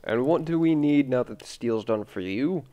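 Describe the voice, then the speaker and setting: A man with a deep, gravelly voice, groggy from an early morning session, rambling through casual gameplay commentary and talking to the machines he builds. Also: expressive, normal speed, lo-fi sound. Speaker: gameplay video host.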